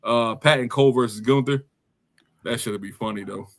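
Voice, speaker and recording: A man in his thirties hosts a casual podcast from home, reading viewer comments during a loose live-stream chat. He uses slang, laughs often and mimics people, speaking at a moderate pace in a gravelly mid-range voice.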